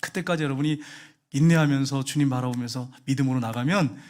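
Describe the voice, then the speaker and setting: A man's voice: medium pitch, fast. A man preaching a sermon as pastor in a church, telling stories and acting out the quoted voices. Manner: animated storytelling, acts out quoted voices. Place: church sanctuary.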